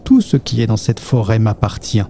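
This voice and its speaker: A fierce, possessive panther spirit of the deep woods from a storybook, snarling out his threats, as a man puts him on. The voice is dark and mellow, pushed up and louder when the creature gets greedy. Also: sing-song, normal speed, a little hiss or hum. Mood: furious. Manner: growling, threatening, then pleading.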